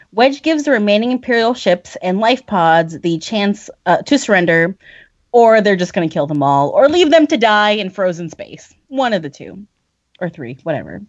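A woman podcast host recapping a story in casual chat, animated and laughing often. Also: medium pitch, moderate pace, no room sound, dull audio. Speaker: podcast host summarizing a book.

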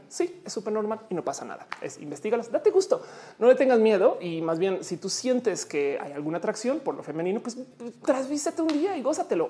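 A woman's voice: on the low side, a little mellow. A woman with a Mexican accent hosting a live stream, chatting casually and explaining things as she reads viewer messages aloud. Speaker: live-stream host answering chat. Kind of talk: casual chat.

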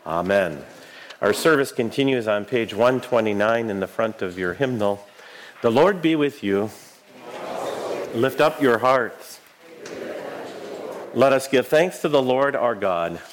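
A man speaking as a Lutheran pastor, leading prayers and liturgy in a measured, solemn, formal way. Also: mid-range voice, lively intonation, slight background noise.

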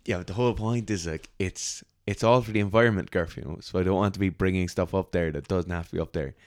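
A man's voice: low voice, fast, a little mellow, dry recording, studio quality. A man co-hosting a podcast, chatting loosely and joking, with "like" in every sentence. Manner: joking, loose, says "like" often. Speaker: podcast co-host. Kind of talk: casual chat.

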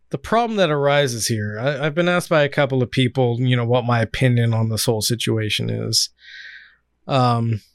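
A man's voice: mid-range voice, clean tone, no echo, clean studio sound. A man from California hosting a casual political podcast, sardonic and rambling, with many fillers. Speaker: podcast host.

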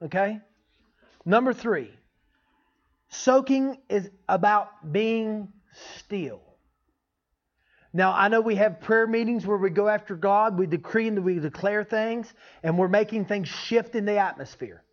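A man's voice: high voice, moderate pace. A man giving an informal, folksy teaching sermon as a preacher, often checking in with his listeners. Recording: dull, lo-fi sound.

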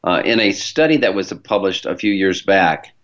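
A low-voiced man with a Michigan, Great Lakes accent hosts a branding show. He explains things conversationally and speaks straight to his listeners. The sound is a little dull and lo-fi. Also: expressive, normal speed, fairly bright tone. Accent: Michigan, Great Lakes American. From Michigan, United States. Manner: chatty, explanatory, addresses listeners directly. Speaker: podcast host, branding professional.

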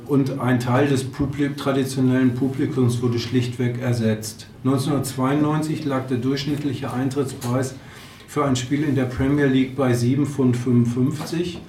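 A man's voice: mid-range voice, warm tone, slight background noise. A man reading from his book in a bar, with hesitations and fillers, sometimes breaking off into loose asides. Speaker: author giving a reading. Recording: roomy bar, distant mic, faint ambience.

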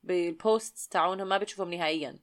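A woman's voice: lowish voice, very fast. Levantine woman mixing Arabic and English. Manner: mixes Arabic and English mid-sentence. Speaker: podcast co-host. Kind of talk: casual podcast chat.

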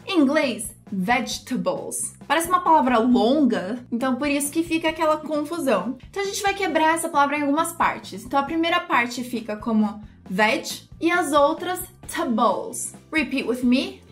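Upbeat Brazilian woman, bright high voice, teaching English pronunciation and slowing to model words. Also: lively intonation, faint music behind. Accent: Brazilian Portuguese. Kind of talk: pronunciation lesson video.

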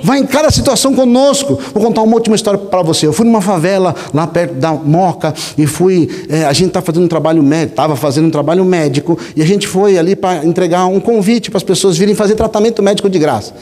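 A male pastor preaching a sermon, telling stories in an animated, conversational way and often tagging lines with a questioning aside. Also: high voice, fast talker, few pauses. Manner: animated, conversational, frequent rhetorical "né?". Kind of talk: sermon with storytelling. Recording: long hall reverb.

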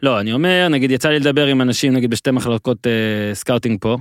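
A man hosting a podcast in casual chat, bantering and quick to joke and push back. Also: mid-range voice, no room sound, clean studio sound. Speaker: podcast host.

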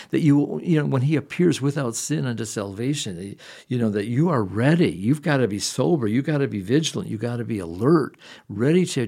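A man's voice: medium pitch, vocal fry, a little mellow, breathy edge. A man preaching a sermon, reading scripture and speaking earnestly in a conversational way.

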